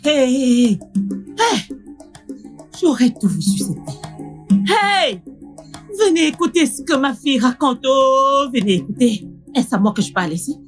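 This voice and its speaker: A fierce village mother in a dubbed film. Her voice sits high and sharp as she scolds with indignation. Faint music runs beneath her. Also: very animated, a little slow, long pauses. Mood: indignant.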